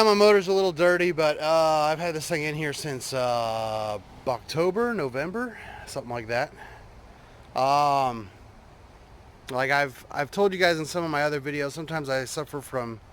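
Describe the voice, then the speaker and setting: A man talking casually and unscripted to his vlog viewers, rambling and halting as he thinks, outdoors in a driveway. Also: medium pitch, a bit bright, a little hiss or hum. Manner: rambling, halting, trailing off mid-thought. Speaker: vlogger showing a truck build.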